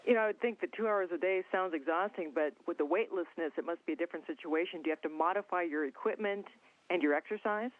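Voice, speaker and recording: A man's voice comes through a thin, tinny phone link, pitched a little high. He is a radio interviewer who asks curious, friendly questions in a relaxed, conversational way. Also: fast. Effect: phone line.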